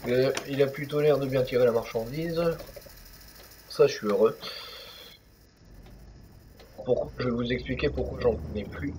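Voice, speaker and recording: A man's voice: medium pitch, normal speed, pauses often, warm tone, a little hiss or hum, poor audio. A young man casually commenting on a truck driving game, rambling with many fillers and restarts. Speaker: gaming youtuber. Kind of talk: casual let's-play commentary.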